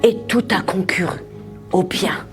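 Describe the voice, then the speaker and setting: A woman preacher telling a testimony in a sermon, dramatic, dropping to a hush and rising to shouts. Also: mid-range voice, a little slow, soft background music. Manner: dramatic storytelling, swings from hushed to shouting.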